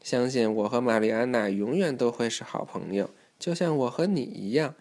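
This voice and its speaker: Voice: mid-range voice, normal speed, a little mellow. A parent reading a children's story aloud to a child, in an instructive way with questions to the listener.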